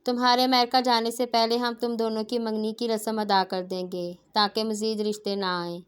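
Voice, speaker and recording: A woman reading the lines of a firm, middle-aged mother in a novel, speaking calmly and dismissively. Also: fairly high pitch, moderate pace, smooth, natural voice.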